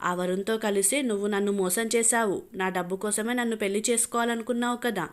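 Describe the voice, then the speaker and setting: A woman's voice: medium pitch, steady tone, brisk, natural voice. A woman voicing a cruel, vengeful young husband who talks in a cold, taunting, menacing way.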